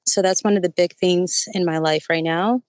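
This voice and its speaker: A woman's voice: on the low side, fairly even intonation, moderate pace, no echo. A woman in her thirties from the United States, speaking hesitantly as a coaching client and searching for her words. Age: 30s. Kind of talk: personal conversation.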